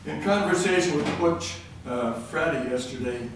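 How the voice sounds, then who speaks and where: A man's voice: a little high, normal speed. Older man, earnest patriotic public comment, distant mic, faint hiss. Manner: earnest, patriotic, tells jokes. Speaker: public commenter at city council. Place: council chamber. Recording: very echoey room, distant mic, faint noise.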